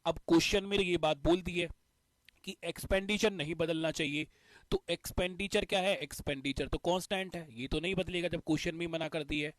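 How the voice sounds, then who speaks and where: A man's voice: fairly high pitch, fairly even intonation, a little fast, no room sound. A male teacher explaining a math concept step by step, repeating the key points. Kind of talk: exam-prep math lesson.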